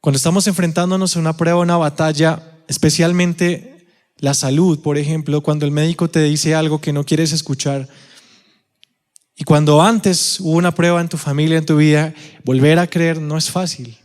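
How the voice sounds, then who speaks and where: A man with a Colombian accent preaching a sermon in a church auditorium, telling the story with animated acted-out quotes and questions to the congregation. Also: fairly high pitch, moderate pace. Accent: Colombian Spanish. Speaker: pastor. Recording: long hall reverb.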